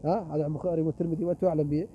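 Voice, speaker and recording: A middle-aged man delivers a sermon at a religious gathering in a high voice, hurrying and emphatic as he throws rhetorical questions at his listeners. The recording is muffled, with faint noise behind him. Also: steady tone, very fast. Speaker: visiting preacher. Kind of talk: sermon with closing prayer.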